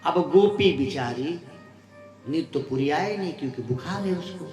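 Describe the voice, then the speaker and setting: A male devotional storyteller, animated and vivid, with a somewhat raised voice. He speaks in a large, roomy hall, with faint music under his words. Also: fairly high pitch, normal speed.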